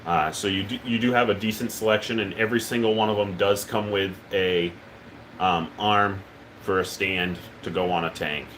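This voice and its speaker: A man's voice: low-pitched, normal speed, a little hiss or hum. A man hosting a live stream, talking casually and rambling with lots of ums as he reads chat. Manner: relaxed, rambling, many ums and uhs. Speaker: livestream host.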